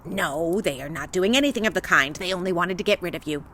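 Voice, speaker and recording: A woman voicing a fearsome old forest witch in a storybook reading, speaking in a gruff, mocking, menacing voice. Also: lowish voice, fast, sharp tone, slight background noise.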